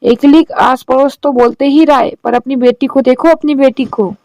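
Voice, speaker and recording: A woman's voice: sits high, steady tone, normal speed, mellow, no echo, rough recording. A woman voicing a sensible young daughter-in-law in a cartoon drama, lecturing and persuading her mother-in-law. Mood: persuasive.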